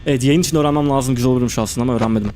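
A man's voice: mid-range voice, rapid-fire, dark tone, a little hiss or hum. A young man live-streaming a horror game, reacting tensely and chatting with his viewers.

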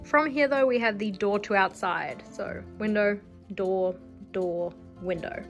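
A woman's voice: mid-range voice, unhurried, faint music behind. A young woman gives a casual, chatty tour of her house with wry asides, filmed on a phone at arm's length. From New Zealand. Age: young adult. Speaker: vlogger. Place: house, indoors, moving room to room. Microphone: phone held at arm's length.

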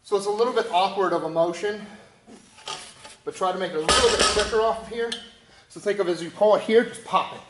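A man's voice: high voice, quick pace, echoey room, noisy background. A man coaching a lift in a gym, walking through the steps with short cues. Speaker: strength coach. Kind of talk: instructional demonstration.

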